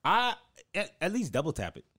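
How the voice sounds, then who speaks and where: A man's voice: on the high side, huge pitch swings, a little fast, pushed and bright, no echo, clean studio sound. A young man telling stories in casual podcast chat, slangy and laughing often.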